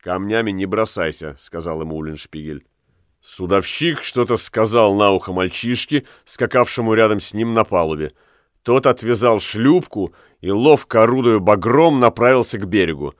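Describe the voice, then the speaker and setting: Expressive male audiobook narrator. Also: lowish voice, moderate pace, no room sound, clean studio sound. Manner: expressive storytelling. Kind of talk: scripted narration.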